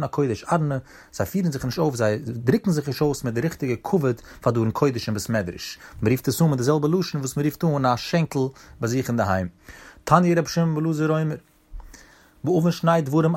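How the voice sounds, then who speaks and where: Teaching a Talmud class, a man with a Yiddish accent and a highish voice chants the text in a quick study-hall singsong and then explains it.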